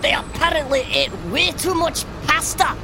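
Brief: self-important cartoon ambulance driver, folksy and rambling, high voice, noisy background. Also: female voice, normal speed.

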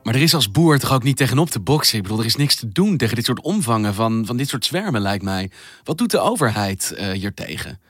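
A male radio news presenter asking a correspondent questions in a measured, inquisitive way. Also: mid-range voice, very animated, fairly bright tone, husky. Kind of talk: interviewing a correspondent. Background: music.

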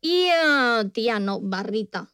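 A woman's voice: fairly high pitch, animated, takes it slowly, a bit bright, clean tone, no room sound, clean studio sound. A young woman from Spain co-hosting a podcast, chatting casually, teasing and laughing often. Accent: Spain Spanish. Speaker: podcast co-host. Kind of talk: casual chat.

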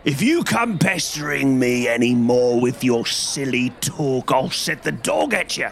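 A man voicing a blustering, angry male goose salesman who shouts threats. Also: medium pitch, big pitch swings, unhurried, creaky, heavily acted.

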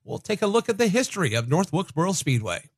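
A man's voice: high voice, very animated, fast. A man hosting a sports radio show, presenting from a script.

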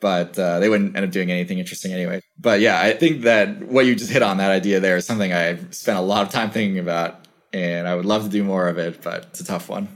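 A man's voice: deep voice, fairly even intonation, quick pace. A young man speaking as an interview guest over a video call, musing thoughtfully with lots of "like" fillers. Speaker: interview guest, channel creator. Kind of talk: casual conversational interview.

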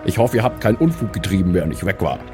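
Over prominent background music, a man improvises in character during a tabletop role-playing game. His low, animated voice moves very fast, with a dry, grumbling manner.

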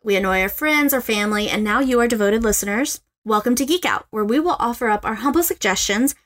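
A young woman co-hosting a casual fan podcast, chatty and quick to laugh, with lots of fillers. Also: a little high, fairly bright tone. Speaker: podcast co-host.

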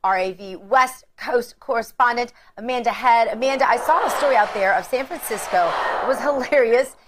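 A woman's voice: a little high, normal speed, a bit bright. A woman hosting a news show, handing off to correspondents with chatty, laughing asides. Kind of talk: cable news anchoring.

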